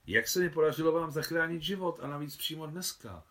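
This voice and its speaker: A man reading aloud and voicing an older, balding doctor who answers reluctantly and in a measured way. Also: on the high side, sharp tone, pitched above the performer's own voice.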